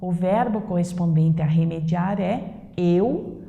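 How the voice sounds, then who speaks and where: A woman teaching a grammar lesson in a Brazilian Portuguese accent, repeating words slowly and stressing them. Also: on the low side, narrow, tinny audio. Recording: echoey room with long reverb.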